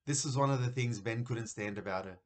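A man's voice: medium pitch, fairly quick. A man teaching a class who reads a children's book aloud chapter by chapter and then gives his students instructions. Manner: steady storytelling, then upbeat classroom instructions.

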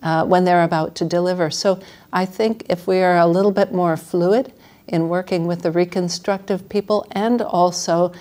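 An older woman, a paediatric urologist, giving a measured answer at a panel discussion in a wood-panelled meeting room. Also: on the low side, steady tone, dark tone.

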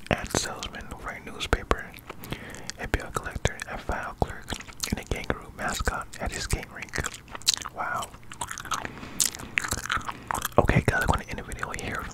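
A young man whispers softly as an ASMR host, reading aloud close to the microphone while chewing gum. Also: poor audio. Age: young adult. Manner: soft, unvoiced whisper throughout. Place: small indoor room. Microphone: close condenser microphone with furry windscreen.

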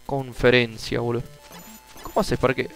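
A young man with a Rioplatense Spanish accent giving casual commentary on a retro game, frustrated, swearing often and bursting into shouts. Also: mid-range voice, level tone, moderate pace, creaky, soft background music, low-quality recording. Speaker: gameplay streamer.

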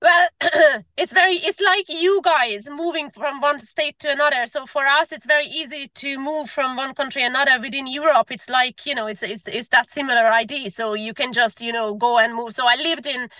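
High bright-voiced woman on a video call. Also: moderate pace, hardly any pauses, no room sound. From Hungary. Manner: chatty, many fillers and repeated words. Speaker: guest, permanent makeup artist. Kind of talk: casual video-call interview. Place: parked car. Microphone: video call from a phone.

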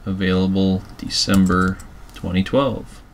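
A man calmly walking through a website editing tutorial step by step, with keyboard typing behind him. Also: sits low, a little slow, a little hiss or hum. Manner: calm step-by-step explaining while working. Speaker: tutorial presenter. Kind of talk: screencast software tutorial.

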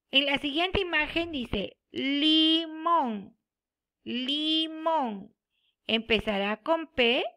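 A woman from Peru teaching young children, slowly repeating each word and giving encouraging praise. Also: high voice, vocal fry, sharp tone. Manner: slow, drawn-out word repetition with encouraging praise. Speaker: primary school teacher. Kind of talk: recorded remote lesson for young children.

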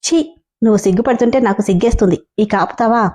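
An exasperated young bride in a storybook, snapping her complaints, as a woman narrator puts her on. The voice is mellow and warm in tone, pitched a little up from the reader's own. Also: quick pace, close to an everyday voice. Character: young bride, irritated and sharp-tongued.

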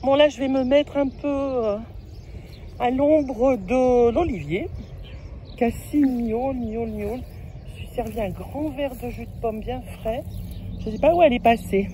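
A woman's voice: fairly high pitch, a little slow, background noise. A French woman chatting casually on her road-trip vlog, outdoors at a camper stop, fondly talking to her cat between remarks. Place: outdoors at a camper van area.

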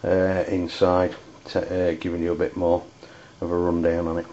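Hesitant and halting, a low, flat-voiced Englishman from the UK works through an unscripted product review as an amateur radio reviewer. His recording is dull and lo-fi, with noise in the background.

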